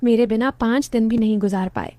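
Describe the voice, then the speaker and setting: एक महिला कहानी में एक शरारती, छेड़ने वाली युवा विवाहित बहन की आवाज़ देती है।. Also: female voice, a little high, brisk, warm tone, no echo, studio quality, lightly acted. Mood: teasing. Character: playful teasing young married woman, sister.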